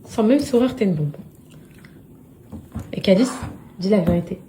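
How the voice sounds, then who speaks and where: A woman vlogging casually on her phone at home, chatty and excitable, talking straight to her followers and laughing often. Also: medium pitch, a little slow, slight background noise. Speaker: lifestyle vlogger. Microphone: phone held at arm's length.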